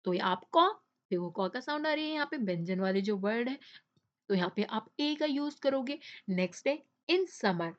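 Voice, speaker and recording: A woman's voice: on the high side, expressive, moderate pace. A woman teacher explaining a children's English lesson in Hindi, often stopping to ask the class questions and to check with "okay?". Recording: dull lo-fi sound.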